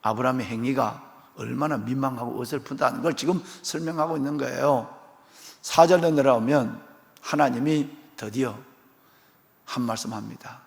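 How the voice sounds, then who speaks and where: A man preaching an expository sermon as senior pastor in a church, acting out biblical figures in quick, colloquial voices with a lively, swooping delivery. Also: mid-range voice, gravelly. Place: church sanctuary. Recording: long reverb of a church hall.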